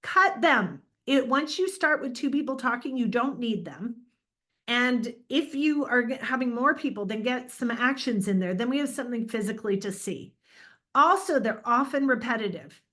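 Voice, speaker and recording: A middle-aged woman, an author, giving a lively, emphatic writing lecture in a conversational way. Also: a little high, moderate pace.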